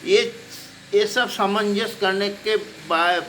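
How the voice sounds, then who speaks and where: A man teaching about yoga in an unscripted spoken lecture, halting often with fillers and restarts as he lists terms one by one. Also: sits high, a bit bright, a little hiss or hum.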